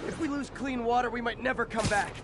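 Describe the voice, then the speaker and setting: An actor playing a quippy, earnest young male superhero who mutters to himself while fighting, over loud game music. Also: extremely high pitch, steady tone, quick pace, noisy background. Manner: wry, talks to himself while working.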